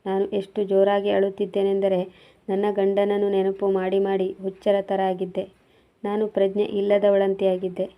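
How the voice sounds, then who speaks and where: A woman reads a first-person story in a steady, measured tone. Her pitch barely moves from line to line. The sound is thin and tinny, like a phone line. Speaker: narrator.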